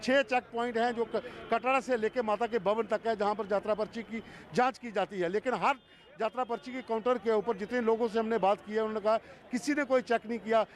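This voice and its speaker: A male field reporter with a high, steady, brisk voice delivers an emphatic, explanatory live report outdoors in a busy pilgrimage town, with crowd noise all around.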